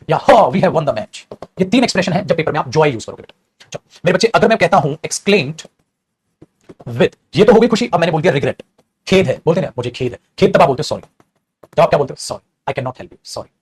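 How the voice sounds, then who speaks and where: Male teacher, fast talker, slightly high voice, classroom grammar lesson, repeats and drills. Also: breathy edge. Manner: addresses students as beta, repeats and drills, switches between languages. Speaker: English teacher.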